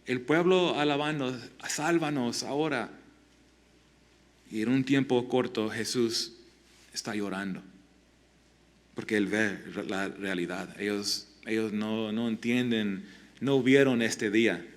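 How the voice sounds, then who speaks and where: A man preaching a sermon as pastor, earnest and halting, often restarting his words and asking the listeners direct questions. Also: on the low side, steady tone. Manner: asks the congregation direct questions.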